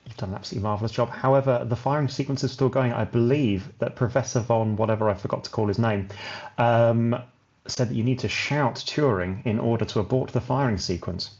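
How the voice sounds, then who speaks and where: Man, session host, effusive, chatty asides, video call, mid pitch, dull lo-fi sound. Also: fairly quick, darkish tone. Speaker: session host and escape room designer. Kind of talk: hosting an interactive online session.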